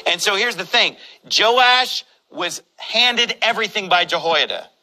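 A man's voice: sits high, animated, measured pace, pushed and bright, poor audio. A man pastor preaching a sermon in a combative, mocking, emphatic way.

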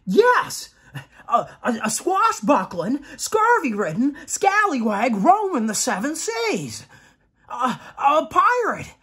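A man's voice: extremely high pitch, wildly swooping pitch, slow pace, pushed and bright, full character voice. A man playing a stammering jittery neighbor. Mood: frantic. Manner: stammering, frantic. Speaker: actor. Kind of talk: sketch comedy acting.

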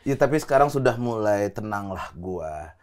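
A man's voice: lowish voice, normal speed. A man guest joking and laughing a lot in a casual podcast chat. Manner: laughs a lot, animated, jokey. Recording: loud clicking noise behind.

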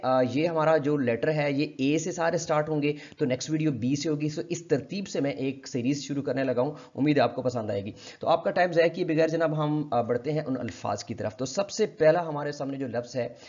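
A man from Pakistan, with a Pakistani accent, teaching English pronunciation in an online lesson. He talks politely and formally, explains patiently and repeats each word slowly several times. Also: on the high side, a little mellow, dull audio.

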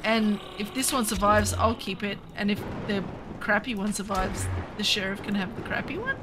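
A woman from Canada in her thirties, streaming a game and chatting casually with viewers, excitable and jumping between topics. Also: medium pitch, normal speed, noisy background. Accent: Western Canadian. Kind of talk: casual livestream chat with viewers.

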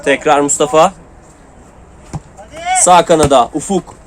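A man's voice: fairly high pitch, measured pace, slight background noise. A man giving live play-by-play commentary on an amateur football match, calling out player names in short clipped bursts. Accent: Turkish.

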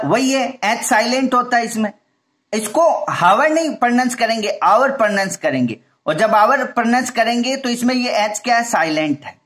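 A man's voice: very high-pitched, a bit bright. A male teacher giving a grammar lesson, explaining step by step and answering his own questions.

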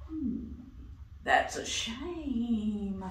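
A sleepy, snooty male snake who drawls each word slowly and softly, as a woman puts him on. It is a storybook voice, recorded in an echoey room from a distance. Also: on the high side, expressive. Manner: slow, soft, drawling. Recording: roomy, from a distance.

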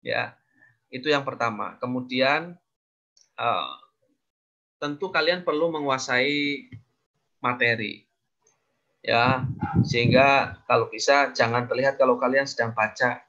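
A man giving casual public speaking advice in a webinar, explaining with frequent fillers and pauses. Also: medium pitch, pushed and bright. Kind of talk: webinar coaching talk. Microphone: video call. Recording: dull lo-fi video call audio.

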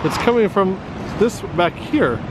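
A man's voice: sits high, very animated, a little slow, very noisy. Chatty vlogger man outdoors. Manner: easygoing, chatty, with many uh fillers. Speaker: travel vlogger. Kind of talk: casual vlog narration. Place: outdoors on a coastal trail and inside a car.

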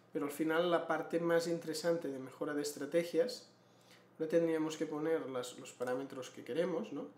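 Guy in his 40s explaining stuff on screen, kinda high voice, echoey room. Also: a little mellow. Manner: explanatory, frequent throat clearing. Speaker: trading educator. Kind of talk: screen-share tutorial. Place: small room indoors. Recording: roomy echo.

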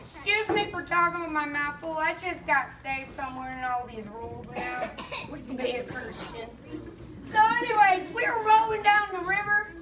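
In a church kids' skit set in a large hall, a woman plays a goofy, giggly explorer sidekick who snacks on bugs and mushrooms, using a squeaky, very high put-on voice and giggling as she tells the story. The recording is echoey with a distant mic, background noise and a loud audience of children.

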